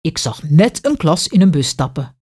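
A woman voicing a big friendly man who talks gently and reassuringly. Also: deep voice, very animated, normal speed, slightly rough, exaggerated voice.

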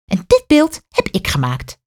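A woman's voice: fairly low pitch, huge pitch swings, normal speed, slightly rough, voice pushed up, full character voice. A woman voicing a friendly museum guide, explaining kindly.

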